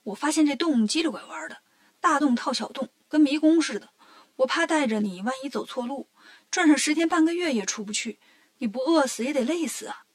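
A woman's voice: high voice, expressive. Sun Wukong, a woman doing a cheeky monkey king. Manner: joking, brisk. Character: cheeky clever male monkey king hero.

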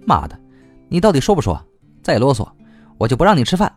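A man's voice: mid-range voice, very animated, normal speed, darkish tone, dry recording, soft background music, voice pushed up. A man voicing a blunt, hot-tempered young woman in an audiobook, scolding and swearing. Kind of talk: audiobook reading.

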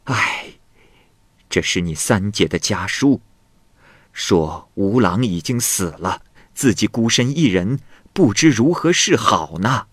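A genial, worldly woman in her fifties who chuckles and pokes into other people's affairs, voiced by a male storyteller. Her speech is slow and sing-song, rising and falling freely. The sound is dry and close. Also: lowish voice, lively intonation, a bit bright, husky, no room sound, full character voice. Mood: chatty. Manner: cheerful, chuckling, prying.

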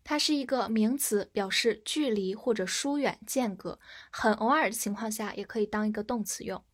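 A woman's voice: medium pitch, moderate pace, husky. A woman teaching English vocabulary in a recorded lesson, spelling words letter by letter and having listeners repeat after her.

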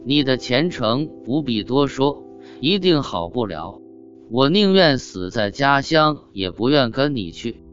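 A reproachful old mother from a spoken folk tale, voiced by a man. She speaks slowly and firmly. Faint guitar sits behind a dull, lo-fi recording. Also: medium pitch, sing-song, a bit bright. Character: stern elderly mother, morally reproachful.

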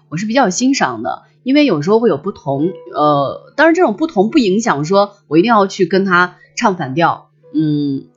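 A woman with a somewhat low, husky voice hosts a livestream in a casual, reflective way. She repeats phrases as she thinks aloud, and the sound is slightly muffled. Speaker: livestream host. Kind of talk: casual reflective chat with listeners.

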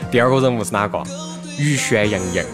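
Music plays behind a medium-pitched, fast-talking man from Sichuan who hosts a talk show in his accented local dialect. His casual chat is full of stories and rhetorical questions as he looks back on local radio and music.

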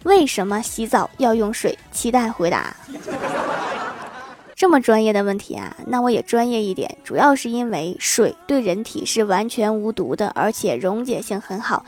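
A woman's voice: on the high side, animated, normal speed, few pauses, darkish tone. A woman hosting a casual podcast, reading out listener messages in a cheerful way and laughing often as she chats. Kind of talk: casual chat.

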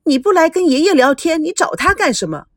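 A woman doing a sharp-tongued cheeky girl. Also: fairly high pitch, sing-song, moderate pace, no room sound, clean studio sound. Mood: sassy. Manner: glib, teasing, huffy.

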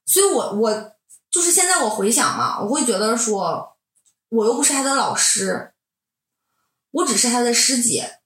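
A woman in her twenties, a doctoral student, telling a candid personal story in an animated, sometimes heated way. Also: a little high, moderate pace. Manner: animated, heated, then reflective. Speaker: doctoral student recounting mentoring. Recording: roomy echo.

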